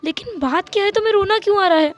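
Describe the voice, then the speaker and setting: A woman's voice: very high-pitched, fast, voice pushed up. A woman voicing a childlike grown man who whines and repeats his pleas in a storytelling fan dub. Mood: weepy.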